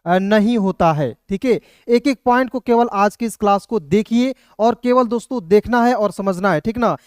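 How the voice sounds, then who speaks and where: A man teaching a video lesson, explaining patiently step by step, often asking his viewers a quick question and then answering it himself. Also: high voice, clean tone, dry recording, studio quality. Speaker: English teacher.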